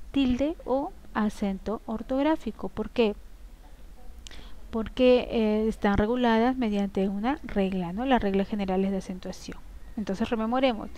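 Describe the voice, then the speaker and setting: A woman's voice: mid-range voice, mellow. A woman teaching a recorded grammar lesson, explaining rules step by step, asking rhetorical questions and checking in with short tags.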